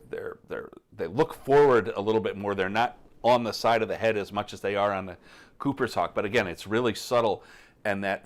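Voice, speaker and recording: A middle-aged man with a fairly low voice co-hosts a casual live stream about birds. He explains in a relaxed, rambling way, often restarting his sentences. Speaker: co-host answering bird questions.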